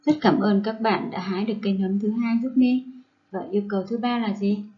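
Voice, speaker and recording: A woman primary school teacher giving a recorded lesson to first graders, reading rhymes and words aloud slowly and clearly. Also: mid-range voice, fairly even intonation, muffled recording.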